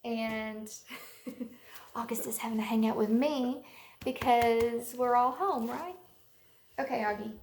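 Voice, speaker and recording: At home, a woman preschool teacher reads a storybook aloud to young children and chats casually with them, explaining things simply. Her voice is a little high and a little mellow, and she speaks slowly with long pauses. The room echoes and background noise comes through clearly.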